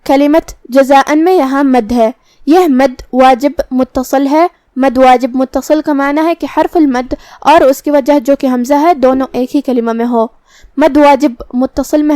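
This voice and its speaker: A woman teaching Quran recitation, explaining each letter patiently and reciting verses slowly and precisely. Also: sits high, steady tone, darkish tone, no room sound, clean studio sound. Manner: precise, patient, drawn-out articulation of each sound. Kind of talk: slow, careful tajweed lesson with recitation.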